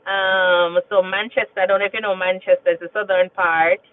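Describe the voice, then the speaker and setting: Talkative and prone to stories, this Jamaican nurse hosts a relaxed livestream, responding to viewer comments. Her medium-pitched, slightly fast voice arrives through a thin, tinny, phone-like signal. She repeats phrases and keeps asking "you understand?".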